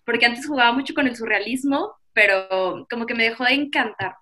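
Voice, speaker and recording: A woman's voice: fairly high pitch, a little fast, sharp tone. A woman in her twenties with a Mexican accent, talking casually as a guest in a podcast interview. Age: 20s. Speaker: podcast guest, visual artist.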